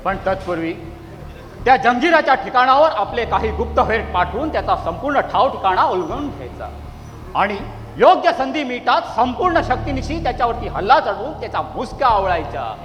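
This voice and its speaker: An actor playing a vengeful royal advisor who speaks conspiratorially in a musical stage drama. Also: male voice, very high voice, sing-song, a little fast, fairly bright tone, soft background music, exaggerated voice. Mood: plotting. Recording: dull, lo-fi hall with long reverb.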